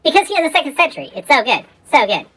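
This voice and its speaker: A male streamer talking through a high-pitched chipmunk voice filter, giving playful live game commentary that exclaims and stammers. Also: big pitch swings, rapid-fire, pushed and bright, soft background music, exaggerated voice, rough recording.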